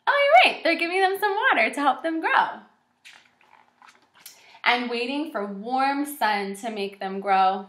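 In an echoey small room with shelves and a whiteboard, a kindergarten teacher in her twenties reads aloud and teaches young children. Her high voice is unhurried, with long pauses, and her manner is encouraging and animated throughout this read-aloud lesson.

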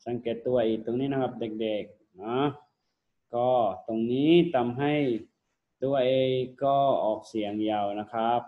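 A young man teaching children a phonics lesson, slowly sounding out letters and switching between Thai and English. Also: medium pitch, steady tone. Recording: dull lo-fi sound.

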